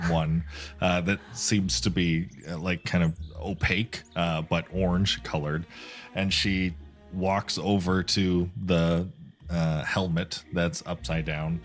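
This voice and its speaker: A man narrating a tabletop game as game master, rambling and halting with many fillers. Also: sits low.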